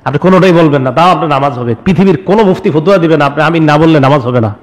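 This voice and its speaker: A man with a slightly raised voice preaches at a rapid clip. He presses his argument with one rhetorical question after another. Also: on the high side. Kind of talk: sermon.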